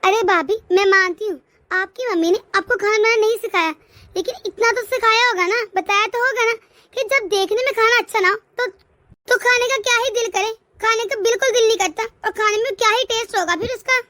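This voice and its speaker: A spoiled young married daughter from a cartoon family story, voiced by a woman. She taunts and whines in a very high, bright voice. The recording is close and dry. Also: fairly quick, dry recording. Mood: taunting. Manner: taunting, whiny. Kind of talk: cartoon voice acting.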